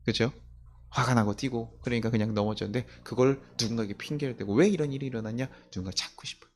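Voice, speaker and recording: A man's voice: medium pitch, fast, a little hiss or hum. A man preaching a sermon as pastor in a church, talking conversationally with many rhetorical questions and chuckling at his own stories.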